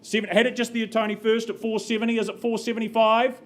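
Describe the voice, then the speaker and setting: High-voiced woman auctioneer calling bids. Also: level tone, quick pace. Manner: calls out bids and repeats figures in short phrases, prompting bidders.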